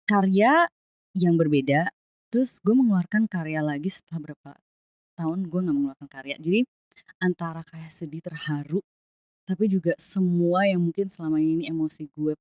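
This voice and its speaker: Reflective woman, lowish voice. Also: normal speed, darkish tone, no echo. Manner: reflective, mixing English phrases into Indonesian. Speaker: podcast guest, singer. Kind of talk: casual podcast conversation.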